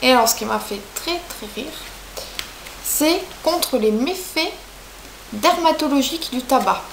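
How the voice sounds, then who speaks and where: A woman's voice: high-pitched, lively intonation, measured pace, a bit bright. Chatty young woman in an echoey room. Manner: chatty, hesitant, many fillers. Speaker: beauty vlogger. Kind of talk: casual product review. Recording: echoey room, faint hiss.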